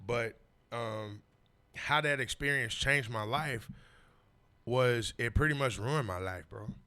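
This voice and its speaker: A man in his forties shares his story as a podcast guest, slow-paced in a mid-range voice that's sharp yet clean in tone. His casual talk is emphatic, heavy on repetitive street slang and "you know what I mean".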